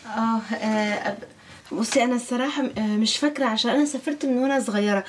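A woman's voice: on the high side, racing, far from the mic, a little hiss or hum, close to an everyday voice. An actress playing a nervous, stammering young woman. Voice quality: hesitant, stammering. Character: evasive young woman Gamalat, nervous and hesitant.

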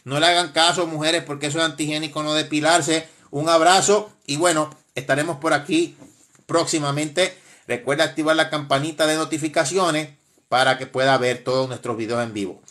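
A man's voice: on the high side, steady tone, fairly quick, fairly bright tone. A man hosting a live stream, casually commenting in a mocking, laughing way, with frequent exclamations.

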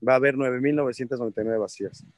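A man's voice: mid-range voice, rapid-fire, no echo, studio quality. A man with a Mexican accent, a politician giving an interview, telling stories in blunt slang, laughing often and acting out other people's voices. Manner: lively storyteller who acts out other people's voices. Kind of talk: casual interview chat.

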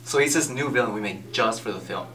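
A young man acting in an amateur student skit as a brisk, dismissive casting director. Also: mid-range voice, a bit bright. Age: young adult. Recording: distant, faint noise.

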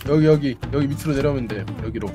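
An excitable gamer chatting casually with friends during a horror game, often repeating phrases urgently. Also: mid-range voice, racing. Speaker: video game player. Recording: loud music over the voice.

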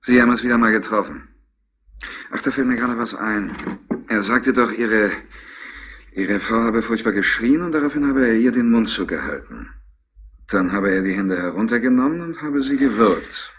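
A man's voice: lowish voice, moderate pace, a bit bright, close to an everyday voice. A man playing a dogged, polite police lieutenant in a 1960s radio crime drama, questioning with mild apology. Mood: insistent. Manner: probing, mildly apologetic questioning. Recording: old radio play with faint hiss.

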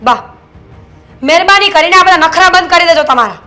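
A shrill, scolding daughter-in-law. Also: female voice, lively intonation, a little fast, pushed and bright, exaggerated voice. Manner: scolding, sarcastic. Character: sharp-tongued young daughter-in-law refusing tea.

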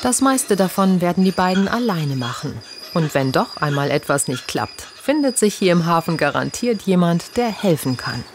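A woman reading the scripted narration of a television documentary in a calm, even way. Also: on the low side, normal speed, over music.

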